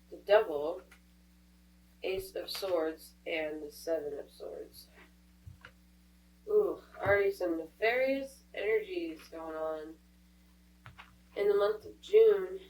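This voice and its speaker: Here a tarot reader with a lowish, darkish-toned voice does a relaxed reading while nursing a cold that leaves her stuffed up. She talks freely, thinking aloud along the way. There's a faint hum, and she sounds a little far from the microphone.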